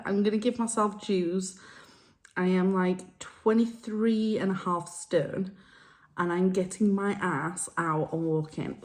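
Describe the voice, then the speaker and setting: Chatty woman vlogging. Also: lowish voice. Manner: chatty, frank and self-deprecating. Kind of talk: casual vlog chat.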